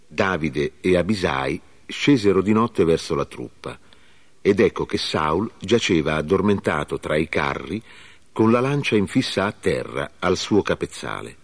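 A man reading a scripture passage aloud in a measured, solemn manner. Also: deep voice. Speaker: scripture reader.

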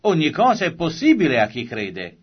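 A man reading the words of Jesus in a solemn, measured way, as a grave and authoritative teacher. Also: a little high, huge pitch swings, husky, exaggerated voice. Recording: slightly dull lo-fi recording.

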